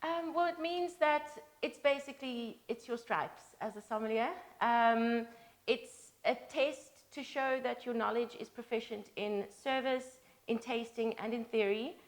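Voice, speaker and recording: A woman's voice: a little high, measured pace. A young woman from South Africa, a sommelier, answering interview questions hesitantly with many fillers. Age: young adult.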